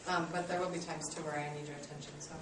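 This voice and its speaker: A woman's voice: deep voice, level tone, rapid-fire, background noise. A woman in her late thirties teaching a class, friendly and self-deprecating, with many ums. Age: 30s. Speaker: college instructor. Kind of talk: classroom lecture. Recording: echoey classroom from far off.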